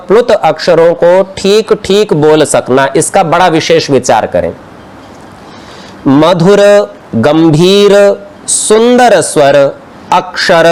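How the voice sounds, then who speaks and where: A man's voice: on the high side, a little mellow. A man giving a scripture study lesson, explaining terms one at a time with everyday examples. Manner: explains slowly, term by term, with examples. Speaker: religious teacher. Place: outdoor courtyard class.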